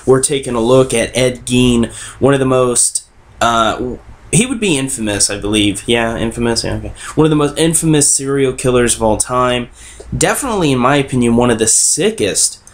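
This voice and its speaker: A young American man speaks at a middle pitch, slightly under the weather with a sore throat. He talks casually to the viewer as host of a web series, often stopping to correct himself. He is indoors at a computer mic. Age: young adult. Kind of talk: casual vlog talk. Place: bedroom, indoors. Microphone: webcam or computer mic at desk distance.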